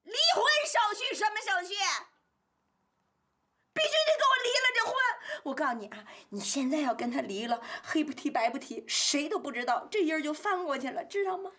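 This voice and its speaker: A woman's voice: high voice, lively intonation, quick pace, a bit bright. An actress playing a domineering middle-aged mother with a Beijing accent, scolding her daughter through tears in a TV drama. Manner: scolding, tearful outbursts. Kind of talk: TV drama acting.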